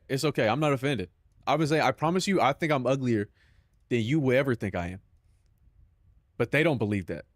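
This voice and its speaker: Streaming casually, a young man with a Southern Californian accent keeps up loose, profane banter packed with "bro." His voice is medium-pitched, captured in studio quality without any room sound.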